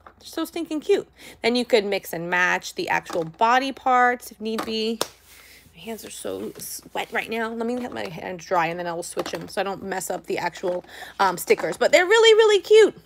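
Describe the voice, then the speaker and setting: A woman's voice: mid-range voice, normal speed, creaky, a bit bright, a little hiss or hum. A woman, chatty and girlish, gushing casually as she hosts a toy and candy unboxing vlog. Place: indoors at home, by a tabletop.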